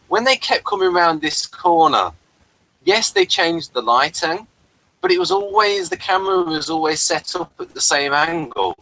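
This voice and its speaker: As co-host of an episode review, a man keeps up loose, running commentary on the show, stopping and starting and trailing off partway through sentences. His voice is a little high, bright and forceful, and the audio quality is poor.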